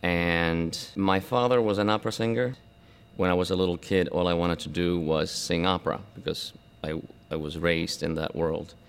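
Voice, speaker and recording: A man's voice: deep voice, steady tone, normal speed, clear, resonant tone. A scenic designer from Argentina speaking in a documentary interview, reflective and searching for his words.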